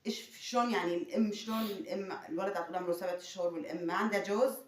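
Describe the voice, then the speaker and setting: A woman argues in a rush, her words tumbling out at a fast clip. She keeps pressing with insistent questions, and her voice rings around an echoey room. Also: lowish voice, steady tone, crowd noise. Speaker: wife being pranked. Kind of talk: heated domestic argument.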